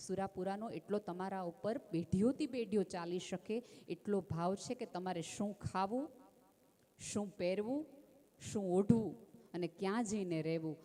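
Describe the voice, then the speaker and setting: Calm woman speaking in a big hall. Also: medium pitch. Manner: calm, gentle, never raises her voice; intimate, addresses listeners as friend. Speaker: speaker at a community religious festival. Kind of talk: inspirational talk with storytelling. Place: stage at a large festival gathering. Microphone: stage microphone with PA. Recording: long reverb of a large venue.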